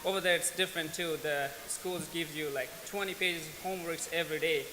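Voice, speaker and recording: A man's voice: a little high, steady tone. A man, earnestly telling his life story as a guest speaker at a church. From Afghanistan. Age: 20s. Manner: earnest, plain-spoken, unhurried, with small restarts. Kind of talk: personal testimony. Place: large church hall. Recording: echoey church hall, faint hiss.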